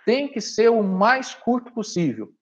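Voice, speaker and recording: A man's voice: sits high, very animated, measured pace, breathy edge, muffled recording. Brazilian man teaching over a call. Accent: Brazilian Portuguese. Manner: explanatory, addresses the audience directly, frequent "tá?" checks. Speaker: online teaching trainer. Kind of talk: live online workshop talk. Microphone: video call.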